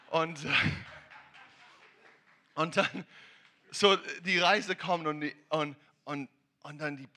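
A male pastor preaching with enthusiasm and telling a joke. He talks haltingly, searching for words and sometimes slipping into English. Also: on the high side, pushed and bright. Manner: enthusiastic, fervent. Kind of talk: sermon with a joke. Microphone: handheld or stand microphone.

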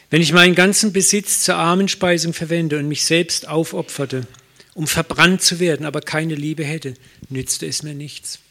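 Bright-voiced German pastor preaching. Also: male voice, fairly high pitch. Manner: conversational, anecdotal, self-deprecating humor. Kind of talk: sermon.

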